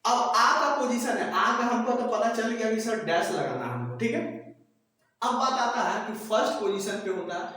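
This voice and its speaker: Echoey, high-voiced shorthand teacher. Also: male voice, lively intonation, bright, forceful tone, recorded from a distance. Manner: keeps asking "clear?" after each point; patient, repeats words slowly. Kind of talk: whiteboard lesson. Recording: echoey room, voice off-mic.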